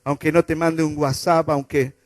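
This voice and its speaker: A man's voice: a little high, level tone, normal speed, no room sound, soft background music. A man with an Argentine accent preaching a sermon as pastor, repeating phrases and having the congregation say them back. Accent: Argentine Spanish. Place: church auditorium.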